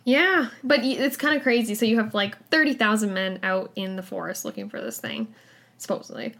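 A woman co-hosting a podcast in casual chat, talking with quick asides. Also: medium pitch, gravelly, a bit bright. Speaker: podcast co-host.

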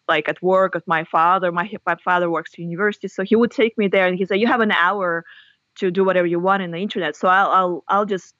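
Fairly low in pitch, this woman is a guest author from Russia, in her thirties, speaking with a Russian accent in a relaxed interview. The recording is dry with the highs cut off. An animated storyteller, she laughs a lot and often starts phrases over.

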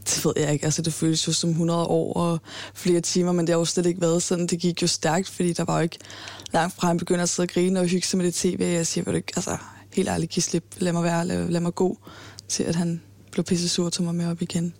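A young woman in her twenties tells her story in a halting way, full of fillers and restarts. Her voice sits low and gravelly with little rise and fall. The recording is close and dry. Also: monotone, a little mellow, no room sound. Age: 20s. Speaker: interviewee. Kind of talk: personal account in an interview.

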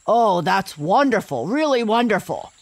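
A woman voicing a male storybook lion, excited and eager. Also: medium pitch, unhurried, pitched above the performer's own voice. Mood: delighted.

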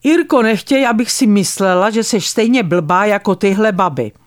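A contemptuous old woman in her eighties who talks bluntly and confides in low, slow tones, as a woman reading a memoir puts her on. It is a dry, close storybook reading with a slightly lowered voice. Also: lively intonation, dry recording, natural voice. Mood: scornful.

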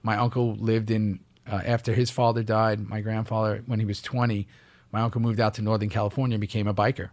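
Low-ish and quick, this male actor from the East Coast of the US trades lively stories as a casual interview guest. When he quotes someone, he performs their lines.

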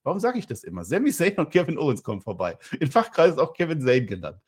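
A man co-hosting a wrestling review podcast, recapping the show as an animated storyteller. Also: on the high side, quick pace, husky.

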